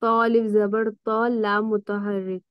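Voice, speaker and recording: A woman's voice: mid-range voice, level tone, takes it slowly, smooth. A woman student reciting letters, hesitant and careful as she works them out. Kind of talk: reciting lessons aloud. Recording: dry, dull lo-fi sound.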